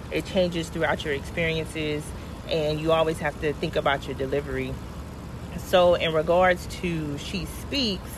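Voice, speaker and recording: A woman hosting a podcast in a casual, friendly, conversational way, speaking directly to her listeners. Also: low-pitched. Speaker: podcast host. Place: outdoors on location, traffic behind. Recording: outdoor location with clear traffic noise.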